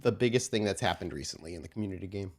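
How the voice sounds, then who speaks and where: A man with a low voice and lively intonation talks rapid-fire as host and storyteller of a tabletop roleplay actual play podcast. He starts with casual announcements, then shifts to slow scene-setting narration.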